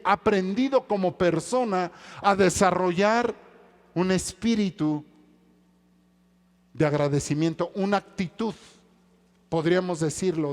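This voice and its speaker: A male pastor, preaching a sermon that swings from soft, low passages to loud, high-pitched calls.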